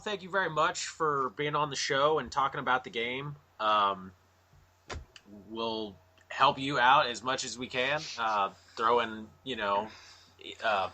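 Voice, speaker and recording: Bright, enthusiastic male co-host. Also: medium pitch, slight background noise. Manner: enthusiastic and joking. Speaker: podcast co-host. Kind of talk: casual podcast chat.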